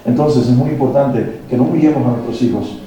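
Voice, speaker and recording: Male speaker for a parenting workshop: very warm dark voice, lecturing with rhetorical questions, boomy hall sound, mic set back. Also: fairly quick, muffled recording. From Latin America. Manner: preachy, poses rhetorical questions to the audience. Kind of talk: motivational talk to parents. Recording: very echoey hall, mic at a distance, faint noise.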